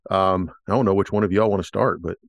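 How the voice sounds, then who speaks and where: A man's voice: sits low, fairly even intonation, fast talker, gravelly, no room sound. A man hosting a podcast, upbeat and joking, introducing his guests with many "uh" fillers. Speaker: podcast host. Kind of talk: casual podcast interview.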